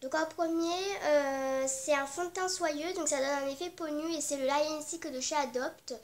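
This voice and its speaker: Steady in tone and at a normal pace, a high-voiced young teenage girl from Réunion chats in her beauty vlog. Congested from a cold, she rambles on about her products, apologizing and using lots of fillers.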